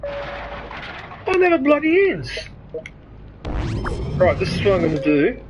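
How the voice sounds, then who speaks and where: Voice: medium pitch, huge pitch swings, slow pace, muffled recording, slight background noise. A streamer from Sydney chatting and ranting with swearing during a live game stream, heard as livestream headset audio. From Sydney, Australia. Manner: rambling, ranting, swears freely then apologizes. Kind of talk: live gaming stream chat. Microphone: headset mic.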